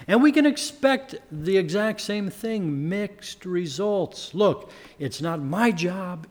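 A man preaching a sermon as pastor, earnest, building to emphatic peaks and then dropping low. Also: long reverb tail.

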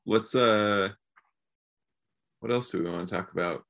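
A man's voice: fairly low pitch, a little slow, gravelly, a bit bright. A man co-hosting a podcast in casual chat, joking and poking fun at himself. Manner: joking, self-mocking, acts out little quoted exchanges. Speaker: podcast co-host.

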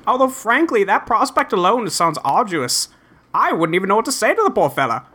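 Played as a full character voice, this earnest young gentleman adventurer from a comic script reading has a breathy edge to his bright, forceful delivery. Polite and folksy, he moves fairly quickly through wordy, old-fashioned lines, his pitch swinging very lively, his mood conflicted and earnest.

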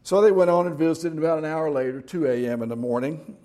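A man's voice: fairly high pitch, fast talker, dark tone. A middle-aged man preaching a sermon as pastor, telling jokes and stories in a folksy way. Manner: folksy joke-telling storyteller.

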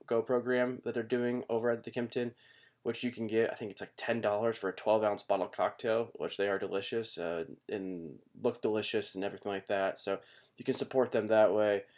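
Low-voiced man, casual podcast host. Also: darkish tone. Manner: rueful, apologetic. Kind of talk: casual spoken podcast intro. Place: indoors, in a home basement.

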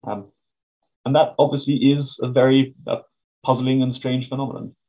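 A man's voice: medium pitch, flat delivery, moderate pace, darkish tone, poor audio. Donnish British man, careful academic talk. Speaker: academic researcher, interview guest. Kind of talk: explanatory interview talk.

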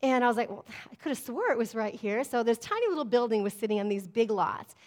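A woman's voice: on the high side, expressive, fast talker. A middle-aged woman pastor preaching a sermon, emphatic and conversational, often asking her congregation "amen?". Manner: emphatic, call-and-response preaching with frequent "amen?".

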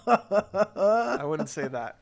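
A man's voice: high voice, sing-song, drawn-out words, gravelly. A man hosting a podcast in casual chat, rambling with many restarts and frequent swearing. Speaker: podcast host.

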